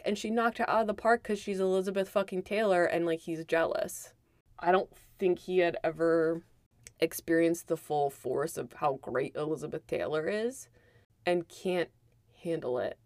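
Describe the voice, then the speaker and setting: A woman co-hosting a podcast, recapping a movie in animated, profane casual chat. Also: on the low side, moderate pace, no room sound, clean studio sound. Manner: animated, profane, emphatic storytelling. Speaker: podcast co-host.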